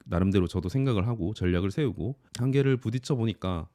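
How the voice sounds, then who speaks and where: A thirty-year-old man, an office worker and YouTuber, reflecting on his year in an earnest, calm personal monologue. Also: on the low side, fast, no room sound, clean studio sound.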